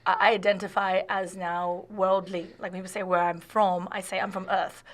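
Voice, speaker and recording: A woman's voice: mid-range voice, level tone, a little fast. A woman, a podcast guest talking casually, laughing easily and restarting her sentences often. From Australia. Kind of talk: casual conversation.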